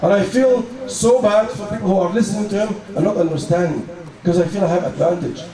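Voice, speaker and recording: A man with a high voice preaches a sermon quickly and emphatically, asking rhetorical questions and reciting verses. A crowd can be heard in the background, and his voice comes from a distant mic in an echoey hall.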